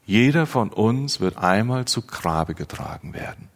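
A man preaching a sermon in a slow, earnest, pastoral manner, rising in emphasis at key phrases. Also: on the low side, expressive. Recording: long church reverb.

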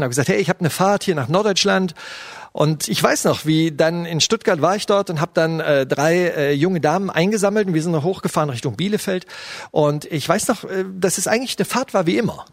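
A man's voice: fairly high pitch, no room sound, clean studio sound. A middle-aged man giving a sermon, retelling a scene in a loose, storytelling way with fillers. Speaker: preacher.

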